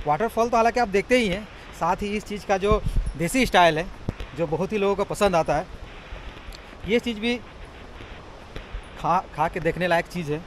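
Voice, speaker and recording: A man's voice: high voice, normal speed, long pauses. A young man narrating a casual travel vlog outdoors in a forest, filming himself at arm's length and chatting about the sights. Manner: chatty, touristy, praising the sights. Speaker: travel vlogger. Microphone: phone or camera held at arm's length.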